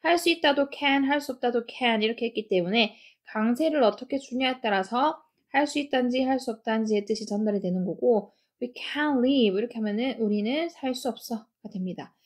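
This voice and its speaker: A woman teaching English grammar, explaining each sentence step by step and reading the English lines slowly. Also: a little high. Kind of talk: grammar lesson.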